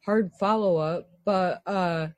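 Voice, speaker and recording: Lowish woman ranting slow n sweary, toothless lisp on the s's, casual chat, really dry sound. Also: a little mellow, dry recording. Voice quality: lisping, slurred S sounds from missing teeth. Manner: sweary, exasperated rambling.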